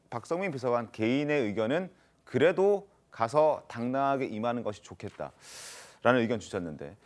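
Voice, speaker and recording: A man moderates a television panel discussion, summing up what guests said before turning to the next one. His pitch rises and falls in a lively way. Soft music sits faintly behind his voice. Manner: summarizes then hands the floor to panelists. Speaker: host. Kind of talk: panel talk show moderation.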